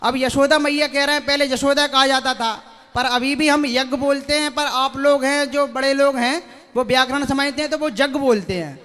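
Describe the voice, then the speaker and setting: Young man, very high voice, earnest and deferential, long-winded devotional questions. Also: fairly even intonation, normal speed, pushed and bright. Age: young adult. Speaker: audience member asking questions.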